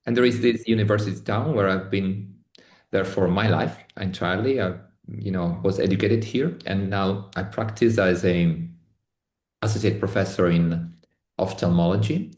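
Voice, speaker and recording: Deep-voiced Italian man, hesitant. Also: moderate pace, a little mellow, roomy sound. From Italy. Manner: thoughtful, many restarts and hesitations. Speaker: ophthalmologist, interview guest. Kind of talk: online interview.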